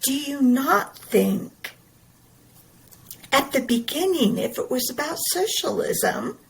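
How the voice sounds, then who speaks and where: A woman's voice: high-pitched, very animated, slow pace, gravelly, poor audio. A middle-aged woman, talking earnestly and emphatically in a personal monologue, often repeating her words. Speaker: podcast host.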